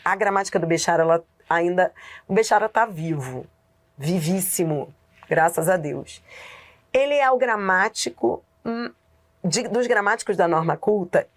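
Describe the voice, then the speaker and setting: A woman teaching grammar in a lively exam-prep lesson, with a Brazilian Portuguese accent, asking herself rhetorical questions and laughing often. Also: lowish voice.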